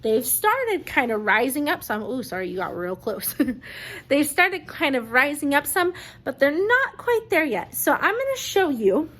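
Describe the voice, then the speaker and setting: A high-voiced woman, acting as a teacher, reads aloud to young children in a sing-song, expressive manner. She pauses now and then to prompt her listeners for answers.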